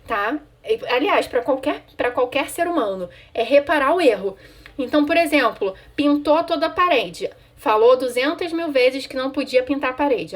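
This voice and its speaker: A woman, a child psychologist giving parents conversational advice and often checking in with "tá?". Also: high-pitched. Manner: conversational, frequent "tá?" check-ins; answers viewer questions directly.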